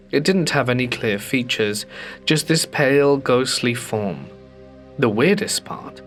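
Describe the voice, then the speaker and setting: Here a male host of a ghost story channel narrates submitted stories with medium pitch. His reading is calm and measured, broken by slow, dramatic pauses.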